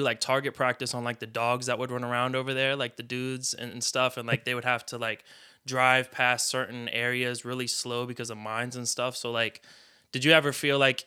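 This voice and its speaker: A man's voice: mid-range voice, pushed and bright, clear, resonant tone. A man hosting a podcast, asking questions in a casual, chatty way full of filler words. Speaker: podcast host. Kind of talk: casual interview.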